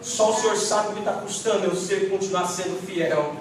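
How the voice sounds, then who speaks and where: At a church service, a man with a high voice preaches dramatically at a moderate pace, his delivery lurching between hushed tones and shouts. Crowd noise is audible, and the distant mic picks up the echo of the church hall.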